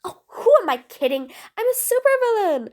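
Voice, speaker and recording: A woman's voice: extremely high pitch, very animated, moderate pace, a little mellow. A woman playing a sarcastic, bossy supervillain. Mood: smug. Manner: sarcastic and bossy, with taunting nicknames. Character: sarcastic, exasperated female supervillain jailer. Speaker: voice actress. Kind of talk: audio role-play drama.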